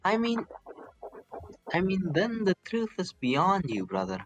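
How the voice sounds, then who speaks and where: A man plays a haughty, taunting anime sibling who talks down with mock sweetness. The voice swoops theatrically and often climbs high. Music sits behind the visual novel role-play. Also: wildly swooping pitch, measured pace, no echo, exaggerated voice, low-quality recording. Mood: smug, taunting. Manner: theatrical, condescending.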